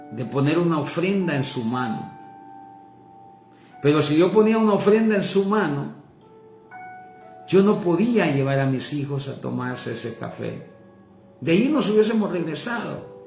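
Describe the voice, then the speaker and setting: Mexican pastor guy, impassioned sermon, highish voice, roomy echo. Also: darkish tone. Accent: Mexican Spanish. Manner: impassioned preaching, addressing listeners as brother. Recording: echoey room with faint guitar music.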